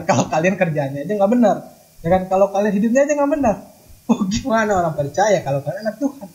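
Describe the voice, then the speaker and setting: A man's voice: fairly high pitch, dark tone, poor audio. A young man from Manado preaching a casual, slangy youth sermon in an online church service, mixing in English phrases. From Manado, Indonesia.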